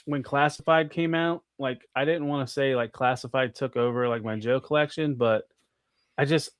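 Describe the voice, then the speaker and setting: A man's voice: mid-range voice, steady tone, moderate pace, clean tone, dry recording. An American man, a guest on a podcast, chatting in a rambling way full of "like" and restarts. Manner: rambling, filler-heavy with many restarts. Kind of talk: casual chat.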